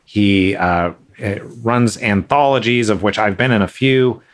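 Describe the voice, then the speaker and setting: A man with a lowish voice, speaking a bit slowly, hosts a podcast and introduces a guest. The casual interview chat is friendly, with many fillers and restarts.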